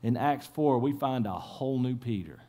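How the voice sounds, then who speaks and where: A pastor giving an Easter sermon, retelling scripture scenes in lively, casual storytelling and speaking straight to the congregation. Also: male voice, mid-range voice, normal speed.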